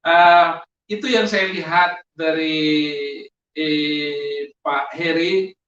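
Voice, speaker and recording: Man, pastor-host, slow hesitant delivery, muffled distant recording with faint noise. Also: fairly high pitch, steady tone, a bit bright, reverberant. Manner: slow, hesitant, many fillers. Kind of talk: interviewer, sermon-like commentary.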